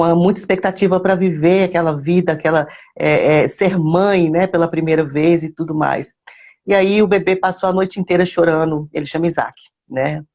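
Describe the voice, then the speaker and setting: A woman with a gravelly, creaky edge tells a personal faith testimony in casual storytelling fashion. She circles back over words and phrases to stress them. Now and then she greets her live viewers by name. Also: low voice, warm tone. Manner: repeats words and phrases for emphasis.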